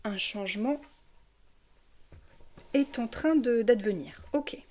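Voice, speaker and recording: A woman's voice: a little high, slow pace, heavy background noise. Hesitant woman giving a tarot reading. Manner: hesitant, stumbling over words with many fillers. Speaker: tarot reader. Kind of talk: casual monthly tarot reading.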